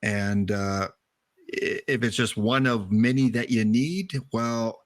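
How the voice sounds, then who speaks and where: A man's voice: lowish voice, takes it slowly, no room sound. A man with a Canadian accent, chatting casually as the host of a show about a baseball card game.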